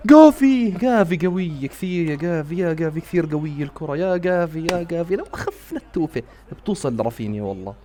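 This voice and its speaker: A young man giving excitable live reaction commentary on a football match, swinging between muttering and shouting at the players. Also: fairly high pitch, very fast, few pauses, slight background noise.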